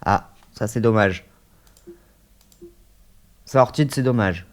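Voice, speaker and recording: Taking it slowly in a voice on the low side, a stuffy gaming YouTuber with a head cold gives casual let's-play commentary at his desk mic. His chatter is hesitant and packed with fillers.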